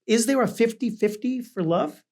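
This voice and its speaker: High-pitched man hosting a casual chat. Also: moderate pace, darkish tone. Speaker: talk show host.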